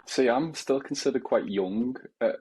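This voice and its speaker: A twenty-six-year-old man hosting a podcast, asking questions in a measured, relaxed way. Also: mid-range voice, a little hiss or hum. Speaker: podcast host. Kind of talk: casual podcast interview.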